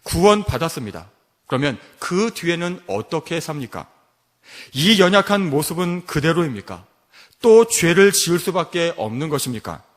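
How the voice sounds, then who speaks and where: A man's voice: fairly high pitch, sing-song, normal speed. A man preaching a sermon as pastor, asking rhetorical questions and rising to emphatic peaks. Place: church sanctuary. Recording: long hall reverb.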